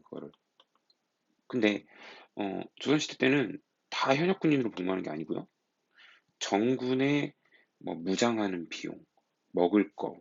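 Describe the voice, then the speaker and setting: A male teacher lectures in a low, gravelly voice with a husky edge, his pitch rising and falling as he explains. He keeps turning to the class with rhetorical questions. The recording sounds dull and lo-fi. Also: a little mellow. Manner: explains patiently, poses rhetorical questions to students. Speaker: high school history teacher.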